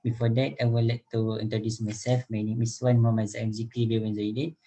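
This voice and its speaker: A young man leads a student group discussion over a video call. His voice is dark and mellow, and he pauses often with fillers. He restarts his sentences as he talks. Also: medium pitch, little pitch movement, low-quality recording. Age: young adult. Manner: hesitant, many fillers and restarts.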